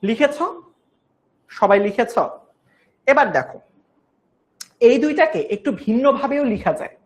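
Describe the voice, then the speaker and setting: Young woman, online chemistry class, patient and repetitive, slightly high voice. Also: measured pace. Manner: patient, repeats each step, coaxes students with "baba". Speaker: chemistry teacher.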